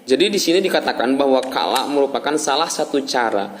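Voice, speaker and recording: A man's voice: medium pitch, animated, brisk, big-room sound. A young man student giving a class presentation, explaining in a conversational way.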